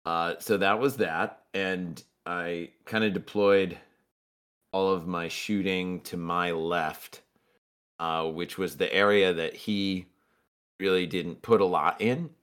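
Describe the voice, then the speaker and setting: A man's voice: sits low, steady tone, slow, a bit bright, clear, resonant tone. A man on a podcast, methodically recapping his tabletop games in detail. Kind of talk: casual chat.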